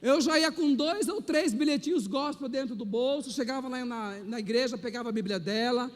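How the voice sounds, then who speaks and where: A pastor, a man, gives his testimony in a lively preacher's manner and acts out the voices of the people he quotes. His speaking voice sits unusually high for a man. The room carries a long reverb that hangs after each phrase. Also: moderate pace. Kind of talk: testimony sermon. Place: church hall.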